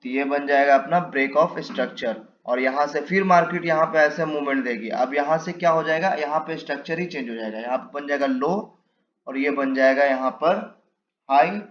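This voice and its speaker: A man's voice: fairly high pitch, moderate pace. Male trading teacher, casual walk-through, quizzes himself as he draws; lo-fi mic in an echoey room. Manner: explains while drawing, asks and answers his own questions. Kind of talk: casual step-by-step chart lesson. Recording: echoey room, dull lo-fi mic, faint hiss.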